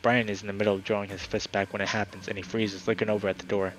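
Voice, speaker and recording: A man's voice: on the low side, flat delivery, very fast, a bit bright, faint music behind, poor audio. A man reading a visual novel aloud for his channel, narrating dramatically with the odd casual aside. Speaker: gaming YouTuber.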